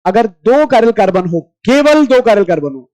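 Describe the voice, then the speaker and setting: Brief: male chemistry teacher, very high smooth voice, drills class with repeated questions, dry close sound. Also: very animated, a little mellow, dry recording, rough recording. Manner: quizzing students with rapid repeated questions; familiar, addresses class as brother. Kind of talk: classroom lecture.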